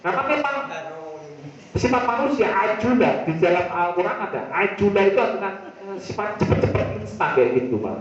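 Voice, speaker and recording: A man's voice: high voice, expressive, a little fast. A male preacher giving a casual study sermon, speaking directly to his listeners and repeating key phrases for emphasis. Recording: very echoey hall, dull muffled sound.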